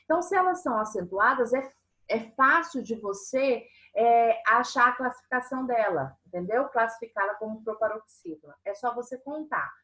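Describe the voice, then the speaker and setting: A woman's voice: on the high side, animated, moderate pace, pushed and bright. A woman teaching a primary school class online, patiently explaining and often checking that the children follow. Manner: patient, asks frequent check-in questions.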